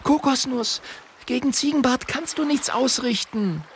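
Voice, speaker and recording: Young porcupine girl, voiced by a man, high and earnest, caring, children's audiobook. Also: unhurried, slight background noise. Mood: concerned.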